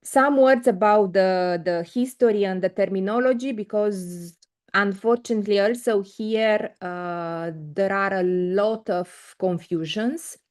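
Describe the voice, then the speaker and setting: A woman's voice: mid-range voice, measured pace. A middle-aged woman from Romania giving an online mathematics lecture over a video call, hesitant with many fillers and restarts. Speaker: invited conference speaker. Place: indoor room, video call. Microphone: laptop mic on video call.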